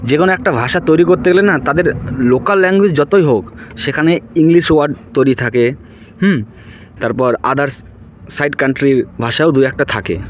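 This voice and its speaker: A man's voice: on the high side, slight background noise. Man teaching words with patient repeats. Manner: repeats each word slowly, asks "right?". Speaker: language teacher. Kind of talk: casual spoken lesson.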